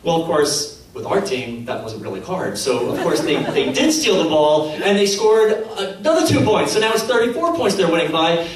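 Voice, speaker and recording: Animated male speaker in an echoey hall. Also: fairly high pitch, normal speed, a crowd in the background. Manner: animated, acts out quotes, laughs at his own stories. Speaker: speaker at a faith conference. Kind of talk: storytelling talk to an audience. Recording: very echoey hall, mic at a distance.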